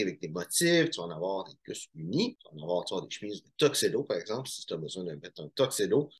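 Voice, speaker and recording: A man's voice: sits low, pushed and bright. A man from Quebec with a Québécois French accent, giving casual, informal tips on buying shirts to his viewers, with many fillers and restarts. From Quebec, Canada. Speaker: menswear style YouTuber. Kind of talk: casual instructional talk to camera.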